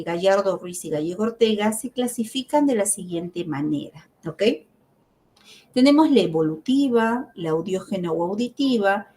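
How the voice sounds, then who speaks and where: A middle-aged woman gives an online lecture as a speech therapy instructor. Her talk is explanatory and unhurried. She checks in with her listeners through frequent tag questions and pauses on fillers as she thinks. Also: mid-range voice, mellow.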